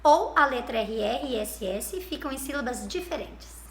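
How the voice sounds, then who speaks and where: A woman's voice: sits high, expressive, moderate pace, a little hiss or hum. A woman teacher with a Brazilian Portuguese accent gives a lesson to young children. She is patient and sing-song, stretching out syllables and praising the class. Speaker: primary school teacher. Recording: roomy echo.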